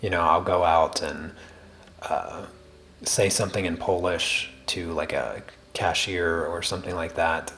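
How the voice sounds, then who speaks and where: Speaking low and steady, this art livestream host talks gently and quietly with viewers while drawing, moving at a slow, deliberate pace with frequent small restarts. A slight hiss or hum can be heard.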